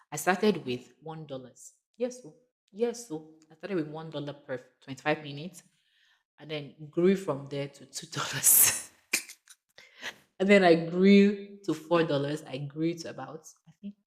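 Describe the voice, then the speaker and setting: Low-voiced woman giving a chatty tutorial. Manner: chatty, repeats herself, laughs between points. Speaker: online English tutor. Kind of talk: casual tutorial talk.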